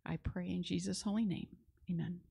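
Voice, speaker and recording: A woman's voice: on the low side, fairly even intonation, creaky, dark tone, slightly rough. An older woman leading a spoken prayer in a church service, talking earnestly and steadily into a handheld microphone on a large indoor platform. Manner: earnest, measured praying.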